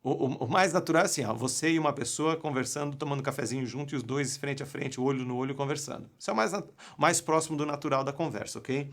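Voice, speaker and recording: Young Brazilian male English coach, live online class, emphatic, full of rhetorical questions, mid-pitched voice. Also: fast, fairly bright tone.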